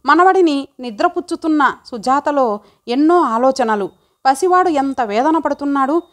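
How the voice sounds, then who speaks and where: A woman narrating an audiobook story in a measured, reflective way. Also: high voice.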